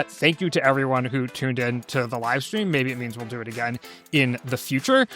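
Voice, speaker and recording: A man's voice: medium pitch, fairly bright tone. An American man in his thirties hosting a podcast with casual, conversational political commentary. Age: 30s. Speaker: podcast host.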